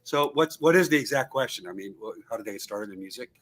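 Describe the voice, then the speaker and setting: A guitarist in his sixties, appearing as an interview guest over a video call, tells his story in a rambling way full of fillers and restarts. His medium-pitched voice is lively and fast, with a crowd audible in the background.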